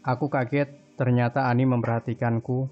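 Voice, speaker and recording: Flat-voiced male horror narrator. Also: medium pitch, a little fast. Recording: dull lo-fi recording, faint music.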